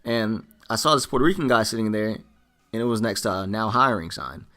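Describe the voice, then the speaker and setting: A man's voice: lowish voice, fairly quick, faint music behind. A young man in his late teens or early twenties, a vlogger telling a story casually and acting out what people said. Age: young adult. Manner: animated, quoting himself and others in dialogue.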